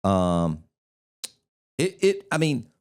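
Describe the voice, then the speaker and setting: A man with a fairly low voice chats casually on a podcast. He tells rambling, animated stories, full of restarts and asides. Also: drawn-out words. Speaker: podcast co-host, DJ. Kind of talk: casual chat.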